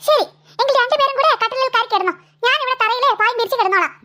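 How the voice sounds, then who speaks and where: Cartoon mom, nagging, fed up, very high and bright, brisk. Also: female voice, a little hiss or hum. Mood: scolding. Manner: nagging, exasperated scolding. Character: scolding weary mother of two squabbling daughters. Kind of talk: cartoon voice acting.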